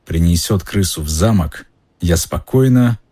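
A man reading aloud and voicing a desperate man who growls and rasps his words. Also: sits low, animated, measured pace, mellow. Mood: growling. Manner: growling, rasping.

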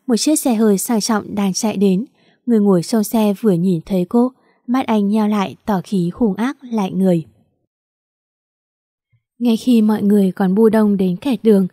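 Mellow-toned woman storyteller. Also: medium pitch, no echo, studio quality. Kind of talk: narrating a romance story.

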